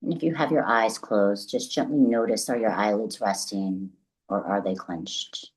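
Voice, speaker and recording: A woman guides a meditation, speaking gently and deliberately in a soothing, instructional way with long pauses. Her voice is bass and husky, and the recording is low quality.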